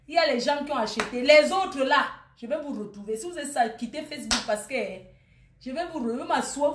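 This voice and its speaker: A woman's voice: sits high, roomy sound. A woman selling clothes on a live stream, chatting with her viewers in a scolding, teasing, laughing way.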